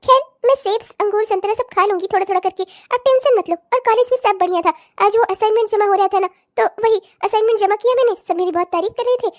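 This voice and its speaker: A woman's voice: very high voice, quick pace, hardly any pauses. Woman voicing a smug, giggly cartoon stepsister. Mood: sweet. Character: spoiled vain young woman, college-age stepsister. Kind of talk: cartoon voice acting.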